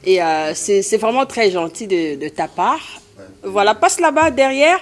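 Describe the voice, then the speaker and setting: A woman's voice: medium pitch, lively intonation, a little slow. Chatty Congolese radio host woman. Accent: Congolese French. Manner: friendly, chatty, laughs often. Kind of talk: casual hosting chat.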